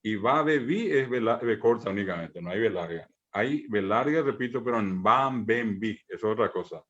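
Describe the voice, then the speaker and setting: A man teaching a language class online, patiently repeating examples, pausing on fillers and checking in with his students. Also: lowish voice, lively intonation, fairly bright tone. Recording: muffled online call audio.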